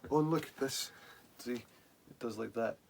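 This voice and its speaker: A man's voice: mid-range voice, measured pace, darkish tone. A man chatting casually and informally as a whisky reviewer, wandering and hesitant in his delivery. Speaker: whisky reviewer and show regular. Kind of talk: casual, rambling banter over drinks. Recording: clearly audible background noise with clicks.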